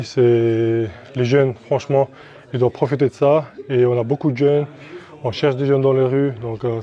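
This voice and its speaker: Dark-toned strict coach, dull sound. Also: male voice, mid-range voice. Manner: blunt, firm, strict. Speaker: combat sports coach. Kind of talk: casual interview answers.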